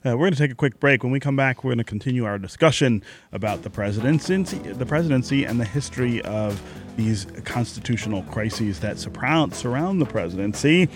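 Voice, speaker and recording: A man hosting a call-in radio talk show, speaking in a measured way and reading out the phone number. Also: medium pitch, expressive, over music. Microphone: studio microphone.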